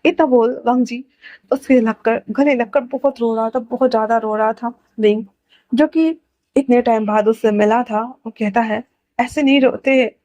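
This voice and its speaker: Woman storyteller, emotional romance reading, expressive, high voice, dull dry home audio. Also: normal speed, no echo.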